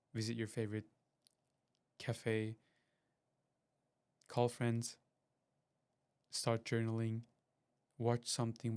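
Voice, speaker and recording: A Swiss man hosts a podcast and opens it with a casual solo intro, rambling along with lots of fillers and restarts. His voice is medium in pitch and a little mellow.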